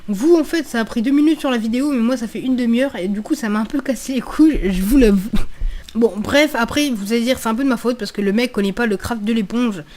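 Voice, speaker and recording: Woman, fairly high voice, video game commentary, informal and slangy, sweary, thinks out loud, repeats herself. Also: quick pace, a little hiss or hum. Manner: thinking aloud, repeating phrases. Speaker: gaming video creator. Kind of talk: casual let's play commentary.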